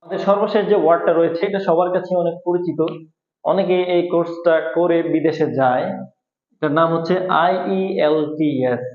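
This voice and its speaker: A man teaching an English lesson at a board, explaining slowly and repeating each point. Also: fairly high pitch, fairly even intonation. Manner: slow, repetitive explaining, spelling out letters. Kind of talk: whiteboard lesson. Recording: echoey room, tinny phone-like sound.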